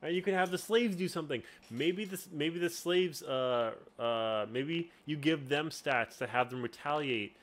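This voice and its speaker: A man's voice: fairly high pitch, normal speed, few pauses, a bit bright. A man hosting a casual tutorial as a game master, talking in a rambling way with lots of restarts. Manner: rambling, full of fillers and restarts. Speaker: game master and channel host.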